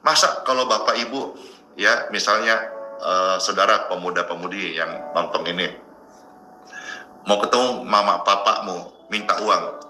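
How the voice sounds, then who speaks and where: A man preaches a sermon to people watching, talking casually and joking between points. His voice sits low but sounds very bright and forceful. The room is echoey, with faint music underneath. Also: measured pace. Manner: joking, conversational preaching to viewers. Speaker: pastor.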